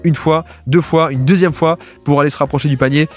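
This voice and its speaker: A man giving casual, fast-paced commentary as he breaks down basketball game film, with many fillers and restarts. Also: a little high, steady tone, soft background music. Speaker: basketball video analyst.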